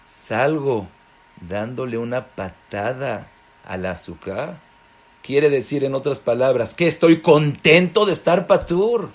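A man giving a Torah class, emphatic and swinging from soft remarks to loud exclamations, sprinkling in Hebrew religious terms. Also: mid-range voice, expressive, slow. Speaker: Torah teacher.

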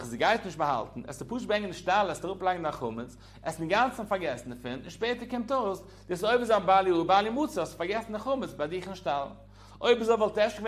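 A man giving a religious law lesson in a sing-song, swooping teaching cadence. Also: high-pitched.

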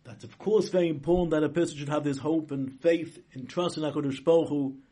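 A man speaking as a rabbi in an informal sermon, halting and rephrasing as he goes, with emphatic stresses. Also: fairly high pitch, mellow. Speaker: rabbi giving a religious talk. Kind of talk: informal sermon, inspirational religious lesson.

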